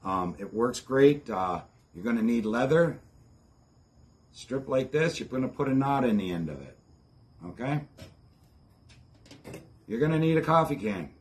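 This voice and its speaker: A plainspoken man in his fifties with an Ontario accent, talking at an ordinary mid pitch. He explains things casually and in a folksy way, like a how-to host outdoors on his patio, a little back from the camera. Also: sing-song, measured pace, pauses often. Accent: Ontario Canadian. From Ontario, Canada. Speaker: host of outdoor preparedness channel. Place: covered backyard patio, outdoors.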